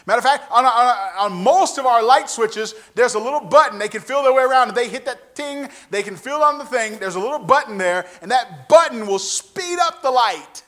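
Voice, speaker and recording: A man from the American Midwest preaching a sermon, telling a story with lively swings between loud excited talk and hushed near-whispers, often repeating words as he goes. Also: extremely high pitch, a little fast, hardly any pauses. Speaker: traveling preacher.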